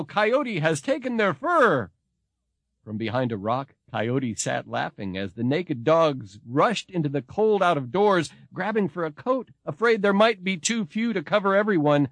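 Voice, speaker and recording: A man giving a measured, expressive scripted narration as a narrator. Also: on the high side, dry recording.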